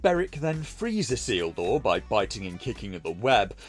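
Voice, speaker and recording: A man's voice: lowish voice, very animated, moderate pace. Guy doing a sarcastic scripted review, voice goes up and down loads, bit of music behind. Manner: mocking, sarcastic. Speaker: video reviewer.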